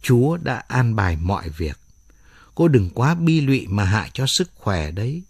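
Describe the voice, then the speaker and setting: A man reading the lines of a shy, gentle young man who softly consoles a grieving mother in a storybook. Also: mid-range voice, big pitch swings, normal speed, slightly rough, dry recording, clean studio sound. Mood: consoling. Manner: soft, consoling. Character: awkward, gentle young man comforting a stranger.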